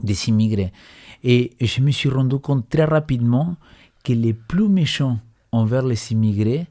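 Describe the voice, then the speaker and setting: Animated man telling stories with emphasis. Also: medium pitch, a little slow. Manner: animated, storytelling, emphatic, repeats words. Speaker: Bible study panelist. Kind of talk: religious panel discussion.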